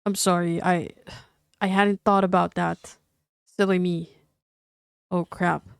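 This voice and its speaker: A woman reading the lines of a cheerful, awkward young man who stammers and apologizes, in a slow, smooth voice. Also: lowish voice, flat delivery, dry recording, studio quality. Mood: sheepish.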